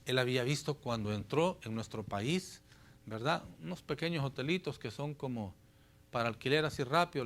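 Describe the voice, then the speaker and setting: A male preacher delivers a sermon to his congregation. He reads scripture loudly and with force, then drops to a hushed, confiding tone as he tells a story. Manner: swings from loud emphatic scripture reading to low confiding storytelling.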